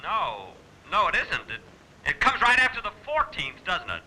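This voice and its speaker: An American actor playing a broke, dithering lawyer in 1940s screwball comedy banter, dry and stammering. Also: male voice, high-pitched, huge pitch swings, moderate pace, sharp tone, exaggerated voice, rough recording. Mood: nervous, stalling. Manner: dry wisecracking, flustered stammering. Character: broke, dithering male lawyer, putting on a brave front. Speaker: lead film actor.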